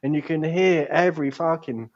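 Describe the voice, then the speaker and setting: A man's voice: fairly high pitch, steady tone, moderate pace, lo-fi sound, slight background noise. A man co-hosting a podcast, chatting in casual banter, swearing freely and calling the others mate. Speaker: podcast co-host.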